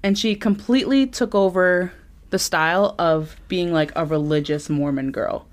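A woman's voice: on the low side, moderate pace. A young woman co-hosting a podcast, telling a story in casual chat, laughing often and acting out quotes. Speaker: podcast co-host.

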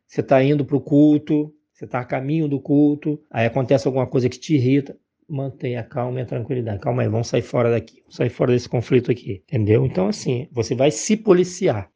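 A reverend from Rio leads an informal spiritual class in a gravelly, mellow voice of medium pitch. He keeps things conversational, leaning on tag questions and emotional personal stories. The recording sounds dull and lo-fi.

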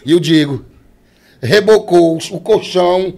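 Um cantor de forró nordestino, homem, contando histórias de bastidor de forma animada, imitando as vozes das pessoas. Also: male voice, high-pitched, measured pace, gravelly. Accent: Northeastern Brazilian. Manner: animated, acts out quoted voices. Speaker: forró singer, podcast guest. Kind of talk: casual storytelling.

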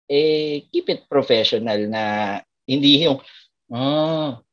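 A man's voice: mid-range voice, moderate pace, dull audio. A man who works as a doctor, telling funny hospital stories in a casual chat and acting out the voices of the people in them. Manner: animated, laughs a lot, acts out voices in anecdotes. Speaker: doctor and podcast host.

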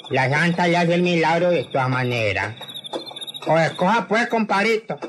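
A man's voice: on the high side, expressive, moderate pace, background noise, natural voice. A man playing a drowsy, drunk rural man who mumbles and drawls, in a radio drama. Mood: coaxing.

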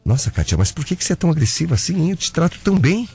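A clingy, obsessive young stalker with a Brazilian accent, in a radio drama. His voice is slightly husky and swings widely in pitch as he turns from sweet to indignant. A faint music bed plays behind him. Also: sing-song, racing, a little mellow, exaggerated voice. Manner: smothering, falsely sweet, pushy.

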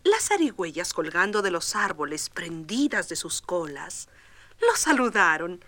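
A woman narrating a children's storybook record, expressive and tender. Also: on the low side, a little slow.

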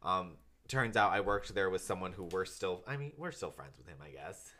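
Low-voiced young man, relaxed chat. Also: normal speed. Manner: relaxed, rambling with fillers. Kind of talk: casual chat.

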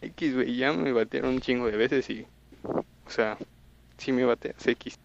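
A young Mexican man chats on a voice call in heavy slang. He tells a story and plays his own stunned reactions, in a mid-pitched voice through slightly muffled audio. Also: fairly even intonation, measured pace, gravelly, background noise. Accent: Mexican Spanish. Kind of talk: casual chat.

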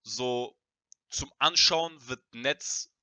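A young man in casual, slangy debate, speaking in an animated and emphatic way. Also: mid-range voice, drawn-out words, clear, resonant tone, no room sound. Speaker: podcast panelist.

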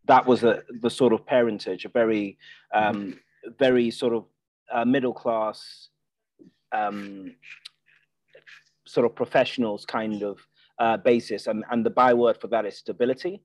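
A man with ties to Nigeria, Ireland and the UK is a guest on a casual property podcast, answering hesitantly with frequent fillers and restarts. His medium-pitched voice holds a steady tone and a measured pace with long pauses. The recording has no room sound.

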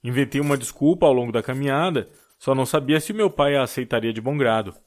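A man reading a story aloud as an audiobook narrator, in a steady storytelling manner. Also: mid-range voice, quick pace. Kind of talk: scripted narration.

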